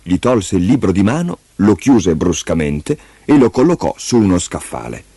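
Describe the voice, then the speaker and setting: A man narrating a fairy tale in an expressive, lively storytelling manner. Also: low voice, normal speed, husky, no room sound.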